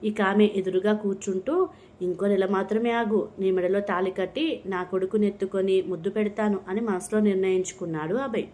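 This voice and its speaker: A woman narrating a storybook in a steady, even reading voice, giving the dialogue only light expression. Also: mid-range voice, a little fast, a little hiss or hum.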